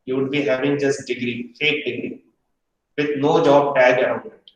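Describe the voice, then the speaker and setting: A man's voice: medium pitch, little pitch movement, moderate pace. A man teaching a hotel management practical class, stern and repetitive, pressing students for answers. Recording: echoey room from far off.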